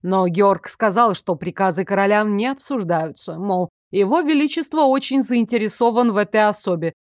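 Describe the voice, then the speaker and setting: A woman's voice: medium pitch, normal speed, dry recording, natural voice. Woman doing a grumbling disapproving archivist lady, blunt, scornful, dry studio sound. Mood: indignant. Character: sharp-tongued disapproving female archive senior.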